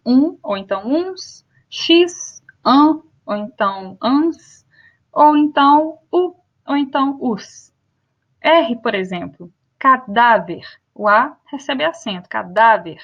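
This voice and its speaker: A young woman with a Brazilian Portuguese accent teaching a grammar lesson, repeating each example word slowly and clearly. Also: high-pitched, dull audio.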